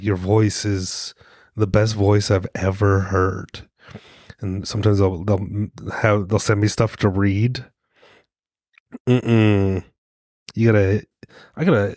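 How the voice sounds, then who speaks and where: A podcast co-host with a lowish, a little mellow voice rambles in a casual monologue, joking at his own expense. His voice is soothing, though a cold has made him a bit congested. The recording is dry and studio quality.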